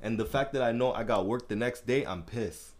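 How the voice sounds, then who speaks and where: A man hosting a podcast, chatting casually in heavy slang and telling animated stories. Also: mid-range voice, fairly quick. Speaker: podcast host. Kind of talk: casual chat.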